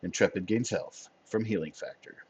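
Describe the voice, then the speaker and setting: A man's voice: low voice, moderate pace, darkish tone, slightly rough. Playful man running a tabletop game. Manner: playful, laughs often. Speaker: game master. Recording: dull lo-fi sound.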